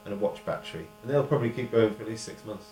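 A man's voice: lowish voice, expressive, racing, warm tone, reverberant, soft background music. A man co-hosting a podcast, chatting casually, laughing often and reading his own rhymed poem aloud. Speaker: podcast co-host and poet. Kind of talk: casual chat and poetry reading.

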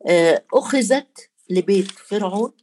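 A woman's voice: medium pitch, lively intonation, moderate pace, darkish tone. Egyptian woman preaching a Bible sermon. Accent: Egyptian Arabic. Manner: colloquial, addresses listeners directly; quotes scripture in formal Arabic.

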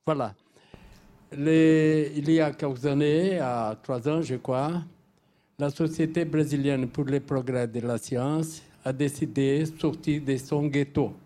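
An older man speaks French with a foreign, Brazilian accent, native to Portuguese. His delivery is slow and halting, searching for words, with a mellow tone and a slightly high pitch. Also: fairly even intonation. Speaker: audience member making a comment. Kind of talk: spontaneous spoken remarks at a public discussion.

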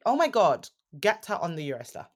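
A woman's voice: mid-range voice, sing-song, brisk. A woman co-hosting a casual podcast chat, sounding ill and congested with a stuffy nose. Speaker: podcast co-host.

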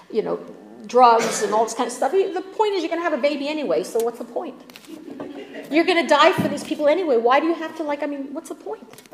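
Woman preacher with a higher voice, dramatic and conversational, in an echoey room. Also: a little mellow, slight background noise. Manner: dramatic swings in volume with conversational asides. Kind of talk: sermon.

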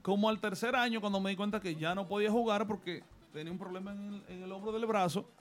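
Dominican guy on a radio show telling his story, high voice, faint music behind. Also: fast. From Dominican Republic. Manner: earnest, reflective, gives life advice. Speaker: studio guest. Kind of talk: personal storytelling in a radio interview.

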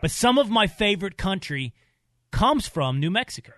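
A man's voice: high voice, very animated, moderate pace, a bit bright, no echo. A man hosting a radio talk show, chatting casually and joking with guests in the studio. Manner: joking, bantering, self-described country snob.

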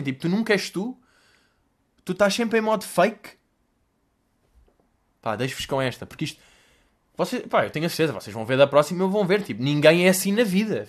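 Slangy guy ranting, high-ish voice. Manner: animated, swearing, slangy rants with laughs. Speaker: podcast host answering listener questions. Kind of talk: casual monologue.

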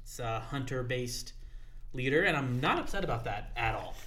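Bright-voiced young man chatting games. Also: medium pitch, lively intonation, normal speed, a little hiss or hum. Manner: laid-back, swears, acts out scenes. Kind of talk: casual gaming chat.

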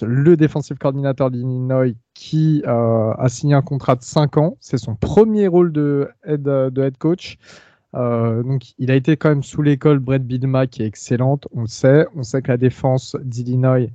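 A man's voice: mid-range voice, dark tone, no echo, muffled recording. A man hosting a casual podcast chat, talking with frequent fillers and restarts. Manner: hesitant, many fillers and restarts. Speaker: podcast host.

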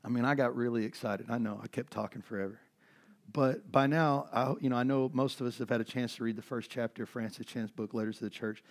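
A middle-aged pastor preaches fast in a medium-pitched voice with fairly even intonation. His sermon is conversational and earnest, his voice worn from overuse, with many fillers and restarts.

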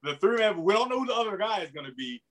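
A man's voice: high-pitched, big pitch swings, very fast, a bit bright. A man hosting a casual sports interview, informal and affirming, repeating himself for emphasis. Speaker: podcast host.

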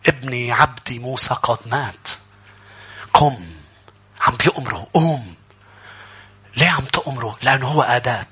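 Fast, forceful Lebanese preacher man. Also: medium pitch, slightly rough. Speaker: pastor. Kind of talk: sermon. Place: church before a congregation.

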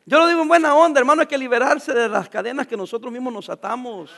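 Male pastor, very high voice, sermon, loud and soft by turns, joking. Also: fast, gravelly. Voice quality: animated, switches between loud preaching and soft confiding asides. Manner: jokes with the congregation, calls them brother.

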